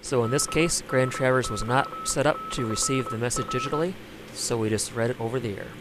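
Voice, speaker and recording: A man's voice: mid-range voice, a little fast, noisy background. A man narrating an explanatory voice-over as the narrator of a demonstration video.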